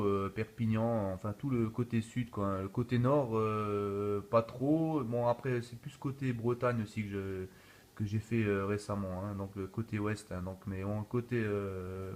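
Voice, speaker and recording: This easygoing ham radio operator has a mid-range, slightly mellow voice and keeps the contact chat casual. The audio comes from a phone shooting video in a noisy room.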